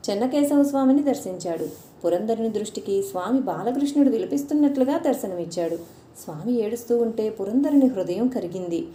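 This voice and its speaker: A woman narrating a devotional story in a measured, formal reading style. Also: fairly high pitch, mellow. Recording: roomy echo, faint noise.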